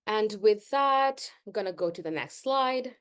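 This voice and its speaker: A woman from Bangladesh, leading an online workshop in an earnest, measured way with frequent "um" pauses, heard over a video call. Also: mid-range voice, expressive, a bit bright, clear, resonant tone. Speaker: workshop facilitator.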